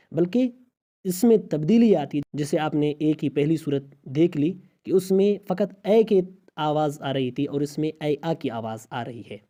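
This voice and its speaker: Male teacher, mellow and warm, patient step-by-step explaining, drawing out each sound. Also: fairly high pitch. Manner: patient and explanatory, repeating sounds slowly one by one. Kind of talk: online lesson in English pronunciation.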